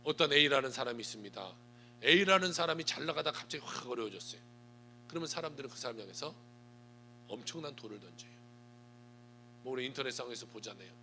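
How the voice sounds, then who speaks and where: A man preaching a Sunday sermon as pastor, lively and theatrical, acting out what gossiping churchgoers say. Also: mid-range voice, vocal fry, slight background noise. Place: church sanctuary.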